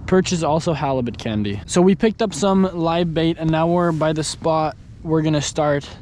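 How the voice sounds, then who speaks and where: Young man with a fairly high voice, explaining his gear step by step in a relaxed way while fishing at sea. An action camera picks him up outdoors, with faint water and wind noise behind him. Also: normal speed. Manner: relaxed, instructional, talks while handling gear. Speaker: fishing vlogger. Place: kayak on open ocean, outdoors. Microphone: action camera on a mount.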